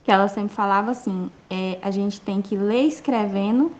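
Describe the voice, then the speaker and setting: A woman's voice: mid-range voice, normal speed, darkish tone, lo-fi sound. A woman student recalling advice in an online class, thoughtful and hesitant.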